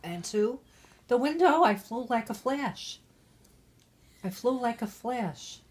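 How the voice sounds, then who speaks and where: Very drunk, a middle-aged mother reads a Christmas storybook poem aloud to her family, stumbling over words and breaking off into irreverent asides. Her voice sits on the high side, with lively intonation and a slow delivery.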